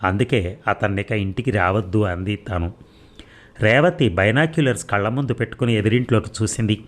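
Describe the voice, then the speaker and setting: A man reading a story aloud as a narrator, steady and measured. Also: on the low side.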